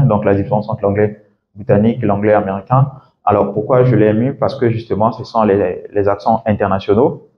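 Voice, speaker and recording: French-speaking man teaching a class, lo-fi. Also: fairly low pitch. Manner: explains step by step, often asks "d'accord?". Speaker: English coach. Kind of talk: classroom lecture.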